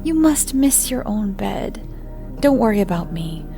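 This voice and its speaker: A woman voicing an anxious older relative who gently reassures a boy in a soft, near-whispered way. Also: mid-range voice, very animated, measured pace, vocal fry, over music, voice pushed up. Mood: anxious reassurance. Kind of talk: dramatic storytelling.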